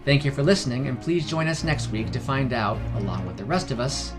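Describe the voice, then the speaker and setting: As narrator of a fiction podcast, a man reads a scripted fantasy story in an animated, brisk manner with a medium-pitched voice, while music plays in the background.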